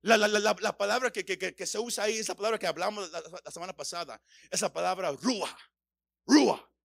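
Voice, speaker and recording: High-pitched, gravelly stammering preacher man. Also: fast, no room sound, studio quality. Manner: stammering restarts, rising to shouts. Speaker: pastor. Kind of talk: sermon.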